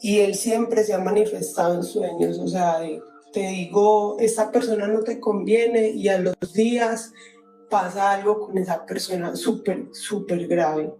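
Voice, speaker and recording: A woman calling in to tell a personal paranormal story, nervous and halting, with many restarts. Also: mid-range voice, fairly even intonation, mellow, echoey room, soft background music, poor audio. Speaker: caller.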